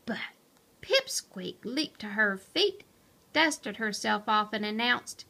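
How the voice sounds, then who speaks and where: A woman reading a children's picture book aloud with expressive storytelling. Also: fairly high pitch, takes it slowly, creaky. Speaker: storybook reader.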